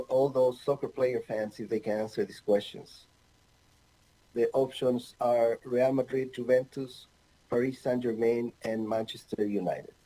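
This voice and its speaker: This recorded online medical lecture features a mellow Ecuadorian man, an anesthesiologist, speaking in a mid-range voice from his home office with bookshelves. His speech halts often, leans on fillers, and includes light humor, all captured in a rough recording.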